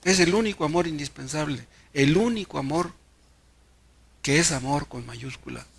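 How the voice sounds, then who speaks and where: A man's voice: fairly high pitch, expressive, moderate pace, vocal fry, a little hiss or hum. A Mexican pastor preaching a sermon, telling stories and asking the congregation rhetorical questions, often repeating words as he restarts.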